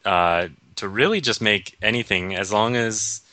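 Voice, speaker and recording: A man's voice: fairly low pitch, measured pace, pushed and bright, no echo. A man chatting casually about a video game, easygoing and hesitant with fillers. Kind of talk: casual gaming chat.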